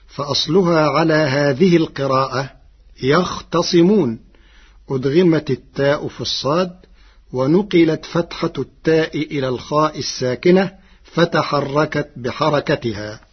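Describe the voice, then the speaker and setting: Slow, husky man explaining formally. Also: a little high. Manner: formal, measured and precise. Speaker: Quran recitation teacher. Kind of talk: scripted explanatory narration. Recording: dull lo-fi recording.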